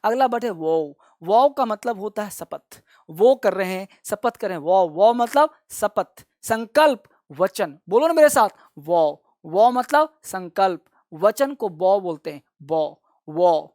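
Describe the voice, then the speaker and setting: Clean studio audio with no room sound carries a man's high, slightly mellow voice, animated yet a little slow. He gives a classroom-style English vocabulary lesson, repeating every word for his students to echo. Affectionately, he calls them his children.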